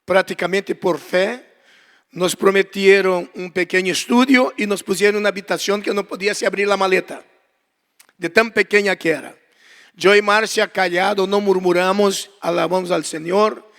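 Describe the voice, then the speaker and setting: A man from Brazil, speaking with a Brazilian Portuguese accent, preaches a story-driven sermon in a high voice. He acts out the dialogue, sinks to a hushed prayer and then presses hard on key lines. His voice rings with the long reverb of a church hall. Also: steady tone, normal speed. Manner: dramatic storyteller, acting out dialogue, swings from quiet prayer to loud emphasis. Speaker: guest preacher.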